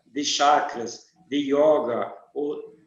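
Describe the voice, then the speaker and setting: An older man from Argentina, a radiesthesia teacher calmly explaining his field as a guest in an interview. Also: mid-range voice, very slow. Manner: calm, methodical, lists things one by one. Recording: dull, echoey call audio.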